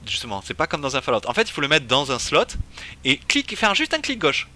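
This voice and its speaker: A man streams a game and talks it through casually, thinking aloud and leaning on fillers as he goes. His voice is bright and forceful, set a little high for a man. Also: huge pitch swings, brisk. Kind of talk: casual let's-play commentary.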